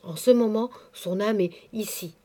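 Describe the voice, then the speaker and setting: A woman's voice: mid-range voice, unhurried, natural voice. Woman reading as a grieving old nursemaid. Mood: mournful. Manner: tender, pious, softly confiding. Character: grieving elderly female nursemaid, devout.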